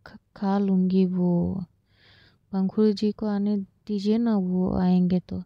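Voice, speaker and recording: A woman voicing a moody, quick-tempered young woman in a spoken story, with snappy, terse lines. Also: medium pitch, flat delivery, no echo, lo-fi sound. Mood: curt. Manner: snappy and terse when upset.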